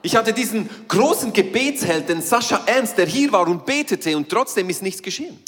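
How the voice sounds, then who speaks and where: Man, sermon interpreter, animated delivery, echoing hall. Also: high voice. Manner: quick, following the speaker phrase by phrase. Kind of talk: live interpretation and scripture reading. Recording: reverberant church hall.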